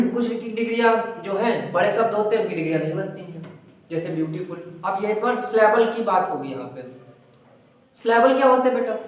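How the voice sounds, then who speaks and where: A man with a high voice teaches an English grammar lesson. He explains patiently and keeps asking the pupils questions. His voice booms around a very echoey classroom, with the mic some distance away. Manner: explains slowly, asks pupils questions and repeats their answers.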